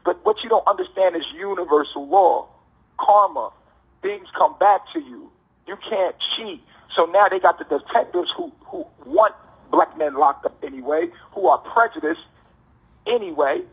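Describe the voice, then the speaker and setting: A man's voice: high voice, wildly swooping pitch, moderate pace, gravelly, breathy edge. An American man on a prison phone line, delivering an impassioned, slangy monologue with emphatic repetition and rhetorical questions. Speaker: detainee speaking on a jail phone call.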